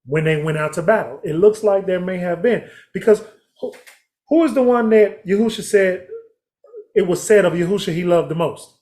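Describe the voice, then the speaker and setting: Reflective male Bible teacher with a fairly high voice, casual study talk, drops the odd hallelujah. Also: normal speed, a little mellow.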